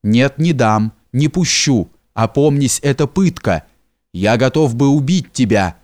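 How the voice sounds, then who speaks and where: A man's voice: mid-range voice, expressive, measured pace, darkish tone, dry recording, close to an everyday voice. A man reading the lines of a frightened, desperate nobleman, pleading and urgent, recorded dry and close.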